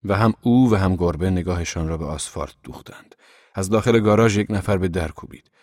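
Deep-voiced male audiobook narrator. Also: darkish tone, dry recording, studio quality. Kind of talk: scripted narration of a novel.

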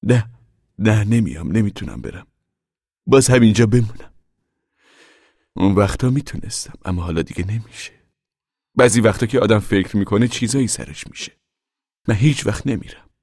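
A man's voice: medium pitch, lively intonation, long pauses, darkish tone, dry recording, studio quality, voice pushed up, natural voice. A man voicing a lonely, wistful middle-aged man who stays behind on the land.

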